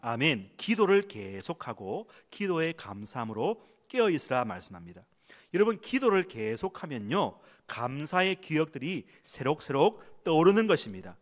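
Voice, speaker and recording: A man's voice: mid-range voice, fairly bright tone. A male pastor preaching a sermon in a church, emphatic and calling the congregation to read along with him. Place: church sanctuary.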